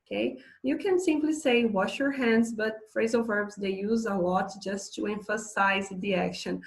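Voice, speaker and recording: A woman teaching an English lesson in a casual, hesitant way, filling pauses and laughing now and then while she describes pictures. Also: medium pitch, steady tone, creaky. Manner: slow, hesitant, many fillers, laughs often.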